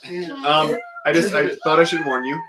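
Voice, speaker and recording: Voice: medium pitch, fairly even intonation, normal speed, very noisy. A tabletop game player in casual, joking chat.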